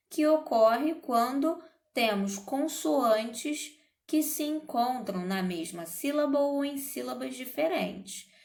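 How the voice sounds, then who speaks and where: A woman teaching a grammar lesson, speaking deliberately and checking in with her students as she explains. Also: on the high side, a little mellow, reverberant. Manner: slow, deliberate, checks in with "certo?" and "ok?". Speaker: Portuguese teacher.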